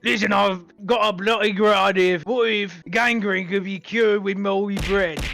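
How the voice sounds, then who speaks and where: A man voicing a bold, cheerful male peasant with a gravelly drawl, pitching a wild idea with chummy overconfidence. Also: steady tone, normal speed, a bit bright.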